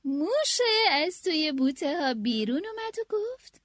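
A woman reading a children's animal story aloud in an animated storyteller manner. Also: very high-pitched, no echo, studio quality. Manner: animated, does all the animal voices.

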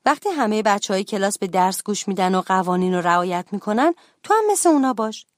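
A woman voicing a calm, kind schoolboy who helps his friend, speaking gently, in a children's storybook reading. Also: medium pitch, no echo, studio quality, close to an everyday voice. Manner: gentle and reassuring.

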